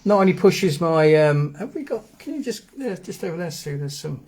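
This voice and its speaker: A man's voice: high-pitched, big pitch swings, normal speed, a little mellow, slight background noise. A man with a Geordie accent hosting a live stream, rambling casually as he explains things step by step. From England. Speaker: host. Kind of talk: live stream demo and chat.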